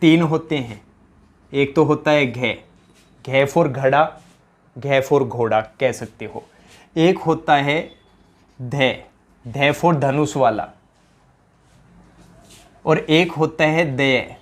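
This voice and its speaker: Extremely slow with long pauses, a mid-pitched man with a Rajasthani accent teaches grammar for an exam. Every answer is drilled by repeating the question, and he calls his students companions.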